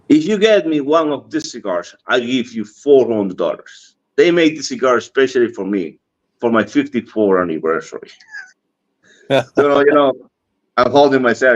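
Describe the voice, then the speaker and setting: A man from the Dominican Republic with a Dominican Spanish accent, telling a story casually, acting out the dialogue and often laughing. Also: medium pitch. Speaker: cigar industry guest. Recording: dull lo-fi stream audio.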